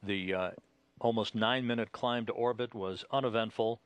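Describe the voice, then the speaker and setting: A male mission control commentator delivers live spaceflight broadcast commentary in a measured, halting, official manner. His pitch is fairly low and his intonation fairly even.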